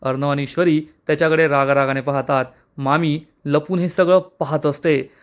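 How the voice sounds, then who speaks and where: A man narrating a recap of a TV serial episode in a steady storytelling manner. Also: fairly high pitch, normal speed. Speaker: serial reviewer.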